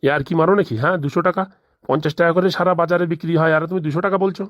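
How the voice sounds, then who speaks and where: A woman's voice: lowish voice, fairly even intonation, very fast, no room sound, dull audio. A woman voicing a bossy father haggling in a cartoon. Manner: bossy, bargaining, threatening.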